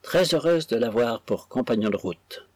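A man voicing a timid, kind young seamstress who speaks softly and slowly. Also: mid-range voice, animated, no echo, close to an everyday voice. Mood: gentle. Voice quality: soft, slow, kind.

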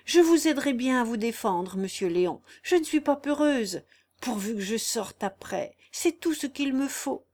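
A woman's voice: a little high, animated, moderate pace, darkish tone, pitched above the performer's own voice. A woman voicing a frightened brave young peasant girl. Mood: spirited. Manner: pleading, spirited.

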